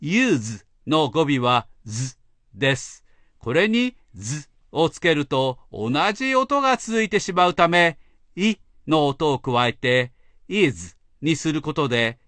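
Slow, bright-voiced male teacher. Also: on the high side, sing-song, no echo. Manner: slow, careful explaining. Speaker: English teacher. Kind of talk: instructional narration.

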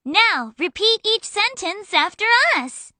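A woman reading example sentences for a language lesson, carefully and with clear enunciation. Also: very high-pitched, animated, extremely slow, sharp tone, no room sound. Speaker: English model reader.

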